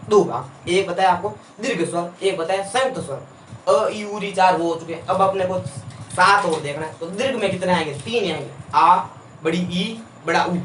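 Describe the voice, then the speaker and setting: A male teacher giving a classroom lecture, asking questions and answering them himself in a steady drill. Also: high-pitched, slight background noise. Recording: echoey room, voice from a distance.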